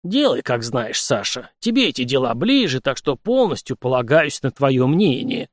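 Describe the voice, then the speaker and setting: A man voicing an old prince, a stern but fond grandfather who speaks slowly and grumbles commands. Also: medium pitch, big pitch swings, no room sound, clean studio sound, lightly acted. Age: older.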